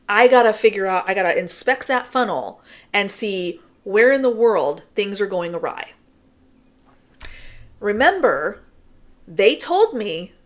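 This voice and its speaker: A woman in her thirties telling a work story to her viewers in a chatty, animated way, often laughing and acting out what people said. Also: mid-range voice. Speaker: recruiting vlogger. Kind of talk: casual storytelling to camera.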